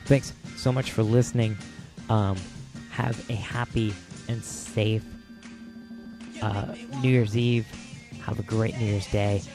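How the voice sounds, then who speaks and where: Over music, a man hosts a solo podcast in a fairly low, fairly even voice, speaking slowly with long pauses. He talks casually with many fillers and repeats, his voice scratchy because he's losing it.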